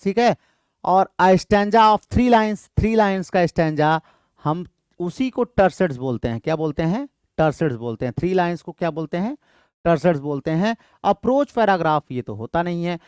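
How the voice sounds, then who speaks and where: Higher-pitched man, exam-prep teacher. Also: darkish tone, clear, resonant tone, no room sound, studio quality. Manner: repeats questions to students, reads English options slowly then explains quickly. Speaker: literature teacher.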